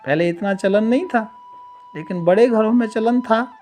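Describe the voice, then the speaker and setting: A male devotional storyteller narrating a tale to devotees in a slow, deliberate manner. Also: high voice, a little mellow, soft background music.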